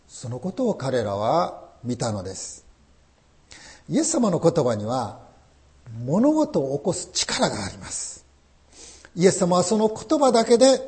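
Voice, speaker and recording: Lively, mellow-voiced male preacher. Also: high-pitched. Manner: emphatic preaching with rhetorical questions. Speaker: pastor. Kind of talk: sermon.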